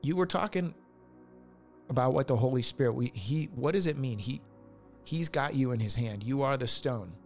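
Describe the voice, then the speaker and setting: A man's voice: medium pitch, moderate pace, faint music behind. Fervent preacherly man hosting. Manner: fervent, preacherly, speaks blessings over guest. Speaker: podcast host. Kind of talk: faith interview, reading scripture aloud.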